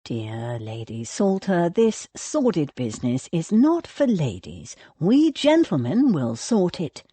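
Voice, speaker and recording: A woman's voice: fairly low pitch, huge pitch swings, takes it slowly, few pauses, dark tone, breathy edge, no room sound, full character voice. A woman doing a smug, patronizing bishop. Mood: condescending. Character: smug, condescending male bishop.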